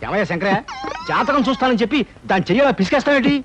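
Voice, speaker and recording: A man's voice: extremely high pitch, animated, rapid-fire, a bit bright. A flustered, gullible rich man. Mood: fretful. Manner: fretful, pleading, self-pitying. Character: fussy gullible well-off man, flustered and pleading. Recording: dull film soundtrack with faint music.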